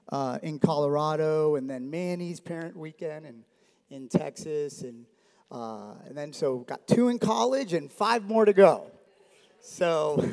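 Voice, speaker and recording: A man from South Florida in his forties gives an earnest testimony to a church, with touches of humor. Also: fairly high pitch. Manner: earnest, warm, with light humor. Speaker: church member giving testimony. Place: church hall. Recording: long reverb of a church hall.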